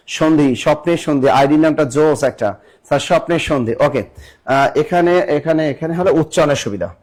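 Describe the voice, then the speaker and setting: Teaching exam prep live online, a young man spells words out slowly, tests his audience with questions and reads viewer comments out loud. He has a fairly high, slightly mellow voice.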